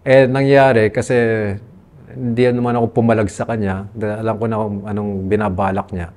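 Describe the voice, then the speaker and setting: A man's voice: fairly low pitch, flat delivery, a little fast, a little mellow. Aggrieved Filipino man telling his story. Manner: mixes Tagalog and English mid-sentence, earnest and aggrieved. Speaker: father telling his own story in an interview. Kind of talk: candid personal testimony.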